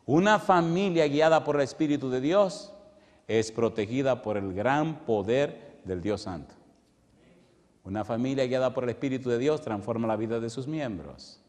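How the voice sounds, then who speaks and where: A male pastor giving an animated sermon in a church, often throwing questions at the congregation. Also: mid-range voice, moderate pace. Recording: long reverb in a large hall.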